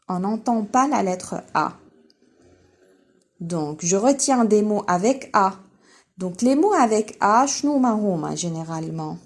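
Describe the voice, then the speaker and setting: A woman with a Tunisian accent teaching a French lesson to young children, saying key words slowly and loudly and explaining quickly in between. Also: medium pitch. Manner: spells out syllables slowly and loudly. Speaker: primary school teacher.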